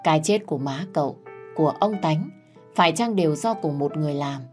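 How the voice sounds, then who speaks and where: A woman with a low voice reads a scripted story in a steady, even way. Faint music plays softly behind her narration. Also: a little fast.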